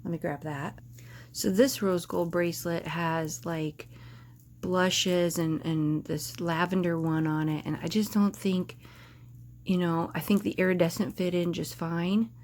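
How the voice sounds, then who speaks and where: A woman's voice: lowish voice, steady tone, unhurried, a little mellow. A woman vlogging casually to camera, rambling and hesitant, with lots of filler words and restarts.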